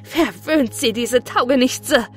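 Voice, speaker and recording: Woman playing a shrill old apple seller. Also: a little slow, faint music behind, lightly acted. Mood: scolding. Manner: loud, scolding, shrill. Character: scolding old female apple seller, softens.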